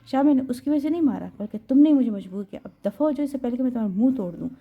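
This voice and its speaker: A woman's voice: high-pitched, expressive, narrow, tinny audio. A woman voicing a stern older father who scolds his son in a reproachful manner. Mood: furious.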